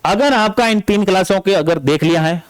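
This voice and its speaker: High-voiced male tutor. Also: moderate pace, clear, resonant tone, dry recording. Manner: explains a rule, then repeats it with checks like "ठीक है ना". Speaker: teacher. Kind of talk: exam-prep grammar lesson.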